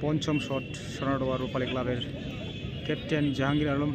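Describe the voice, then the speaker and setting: A man giving excited live football commentary on a penalty shootout outdoors, repeating names and phrases as he goes. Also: mid-range voice, fast talker. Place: outdoors at a local football ground. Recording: noisy outdoor field with traffic ambience.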